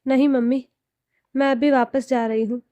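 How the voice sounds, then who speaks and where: A woman's voice: high voice, steady tone, moderate pace, dark tone, no room sound, natural voice. A woman voicing a spoiled young married daughter who pleads tearfully.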